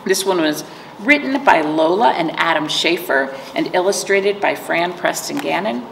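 Seated in a small indoor library room, a middle-aged librarian leads young children through a virtual storytime of rhymes and read-aloud, asking questions as she explains things simply. Her lowish voice is expressive and a bit bright, with some creak, at a moderate pace. Echo and background noise fill the recording.

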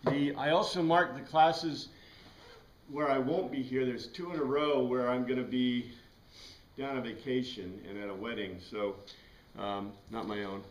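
A middle-aged man with an American accent and a mid-range voice teaches a class a little slowly, his intonation fairly even as he rambles conversationally and poses questions. The small room has bookshelves and a whiteboard. Captured from a far camera, the recording is echoey and distant, with noise in the background.

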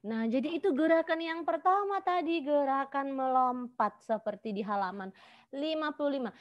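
High-pitched woman coaching gym class. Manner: encouraging gym-coach instruction, short commands and counts. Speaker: physical education teacher of young children, coaching like a gym coach. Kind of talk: live online gym class with counted exercise cues. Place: video call, indoors.

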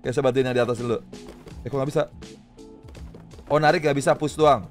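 A man's voice: medium pitch, steady tone, a little fast. A young man giving playful, exclamatory, slangy commentary on a video game, often repeating his words. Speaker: gamer, video host. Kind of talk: casual gameplay commentary. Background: game music.

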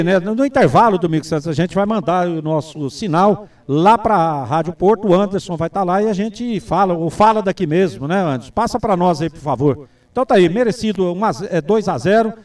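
A Brazilian man comments on a live football match in a high voice. He talks like a radio reporter, chatting between plays, and is picked up from a little way off the microphone. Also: animated, brisk, darkish tone, recorded from a distance.

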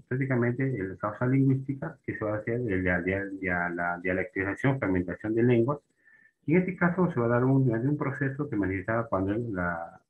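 A man giving a spoken lecture, halting, with many fillers and restarts and frequent tag questions. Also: fairly low pitch, narrow, tinny audio. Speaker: teacher. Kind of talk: spoken lecture on the history of Spanish.

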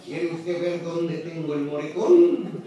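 A man's voice: a little high, sing-song, slow pace, a little hiss or hum. A man playing a coy, teasing young woman. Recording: echoey theatre, distant mic, loud audience.

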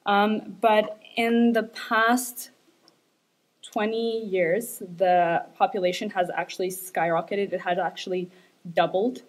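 A woman's voice: mid-range voice, fairly even intonation, takes it slowly. Young woman from Ethiopia presenting research. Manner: hesitant, many fillers, light laughs. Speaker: graduate student presenter. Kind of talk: academic presentation.

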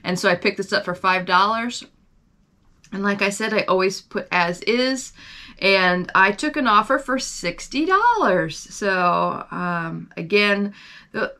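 A chatty woman talks casually about her week's sales on her vlog. She rambles with fillers and corrects herself as she goes. Her voice is bright and forward, and her pitch sits in the middle. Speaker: online reseller and channel host.

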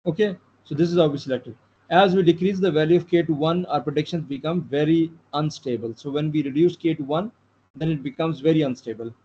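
Guy teaching a class, lots of uhs and restarts, mellow tone, muffled lo-fi audio with faint hiss. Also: a little high. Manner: halting, many fillers and restarts, explains patiently. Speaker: lecturer. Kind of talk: live online lecture. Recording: dull lo-fi sound with faint noise.

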